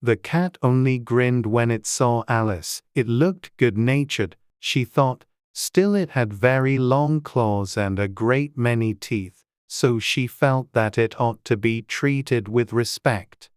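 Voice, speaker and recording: The storybook here is read by a female audiobook narrator whose extremely low voice is a little mellow and clean in tone. Her delivery is slow, measured and unhurried, and the dry recording has no room sound.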